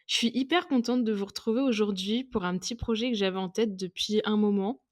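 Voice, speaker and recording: A woman in her twenties from southwestern France hosts a personal podcast. She speaks off the cuff in a mid-pitched voice, casual and confiding. Her delivery is chatty and a little hesitant as she gathers her thoughts. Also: brisk. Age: 20s. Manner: hesitant, unscripted, chatty with small laughs. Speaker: podcast host. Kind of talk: casual, confessional solo podcast talk.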